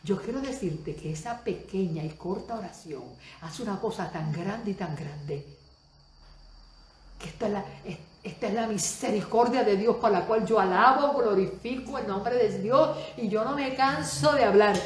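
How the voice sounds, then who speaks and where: A woman preacher delivering a Spanish-language sermon, moving between soft asides and loud exclamations and asking the audience many questions. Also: medium pitch, moderate pace, reverberant, slight background noise.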